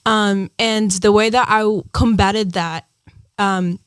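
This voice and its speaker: A young woman from Ecuador chats earnestly as an interview guest, her talk full of "like" and "um." Her voice sits at a middle pitch, and the recording is close and dry. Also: steady tone, slow pace, clean tone, no room sound. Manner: chatty, earnest, many "like" and "um" fillers. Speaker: singer-songwriter guest. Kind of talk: casual interview chat.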